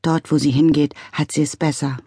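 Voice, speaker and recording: A woman voicing a dry-witted young girl in an audiobook story, speaking deadpan and consoling. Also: sits low, a little fast, slightly rough, no room sound.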